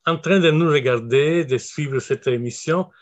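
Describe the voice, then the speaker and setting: A man's voice: a little high, a little slow. A man hosting a live-streamed interview, friendly and joking with his guest. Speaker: host. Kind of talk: casual interview chat. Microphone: video call.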